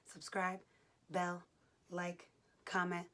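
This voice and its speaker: A woman's voice: lowish voice, completely flat delivery, drawn-out words, a bit bright. A woman hosting a motivational faith vlog, exhorting listeners in short, punchy, colloquial phrases. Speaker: host of a faith and fitness challenge. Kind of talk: casual motivational devotional vlog.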